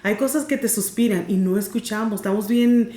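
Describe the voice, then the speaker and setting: A woman podcast host telling a faith story with animated, preachy energy. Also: mid-range voice, a little fast. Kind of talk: casual faith talk with storytelling. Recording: echoey room.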